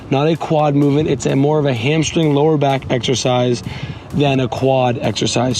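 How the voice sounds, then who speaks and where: A man with a hoarse, raspy, lost voice giving a casual, instructional fitness voiceover as a coach, chatting informally to his viewers. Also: a little mellow, slight background noise. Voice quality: raspy, strained, squeaky breaks. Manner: informal, addresses viewers as guys, repeats instructions. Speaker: fitness coach hosting a workout show.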